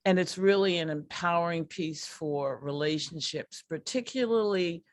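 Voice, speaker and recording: Her voice on the low side, a middle-aged comedic performer recounts stories from her own life in a frank, chatty way, using intentional pauses. The recording is dry, with clean studio sound.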